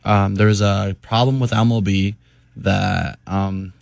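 Young man with a gravelly, flat low voice. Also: measured pace, dry recording. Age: young adult. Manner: hesitant, many ums. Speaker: interviewed baseball prospect. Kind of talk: interview answers.

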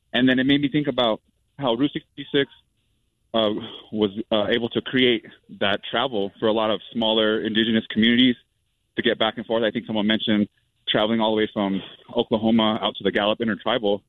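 Male caller on a clipped, tinny phone line, from New Mexico, lowish voice, easygoing with lots of "uh"s, dry sound. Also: dry recording. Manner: relaxed, with frequent "uh" fillers. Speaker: radio call-in caller. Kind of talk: casual call-in comment.

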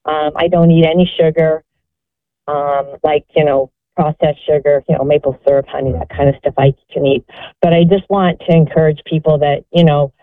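A woman's voice: low voice, fairly even intonation, normal speed, no echo. Earnest woman in her sixties on the phone. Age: 60s. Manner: earnest, encouraging, rambling. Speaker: caller. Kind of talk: call-in show testimony. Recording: phone-line sound.

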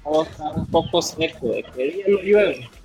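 A man's voice: a little high, lively intonation, moderate pace, a little mellow, soft background music. A Honduran man calling into a live radio show and giving short, plain answers. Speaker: caller.

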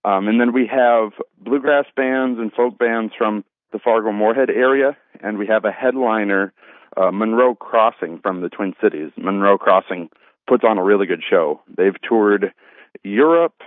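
With a lowish voice at a normal speed, a festival organiser talks by telephone as an interview guest. He sounds earnest and polite in a conversational way. The audio is dry and limited by a thin, narrow phone line.

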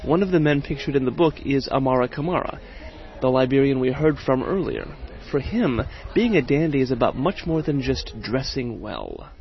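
Gravelly male radio reporter. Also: medium pitch, very animated, moderate pace, muffled recording. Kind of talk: radio feature narration and interviewing.

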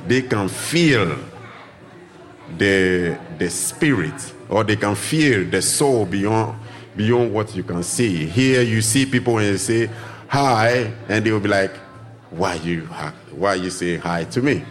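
Ghanaian man, lively and low-voiced. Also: slow, soft background music. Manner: animated, acts out greetings in a high voice. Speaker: drumming teacher and guest. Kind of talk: casual interview talk. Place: outdoor festival live broadcast.

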